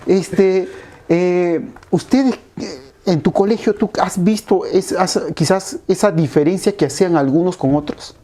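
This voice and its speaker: A man's voice: high-pitched, unhurried, mellow. A man with a Peruvian accent, a history teacher hosting a casual interview, who hesitates, repeats words and drops in short agreements. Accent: Peruvian Spanish. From Peru.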